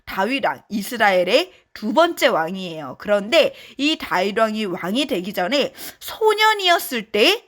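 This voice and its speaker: A woman teaching a children's sermon, telling a Bible story in an animated, friendly way that speaks straight to the kids. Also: medium pitch, unhurried, hardly any pauses.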